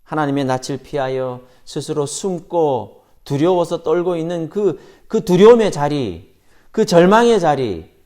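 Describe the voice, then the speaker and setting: A man preaching a church sermon, pausing for effect and acting out quoted questions. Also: fairly high pitch, lively intonation, a little mellow. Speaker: pastor. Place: church sanctuary.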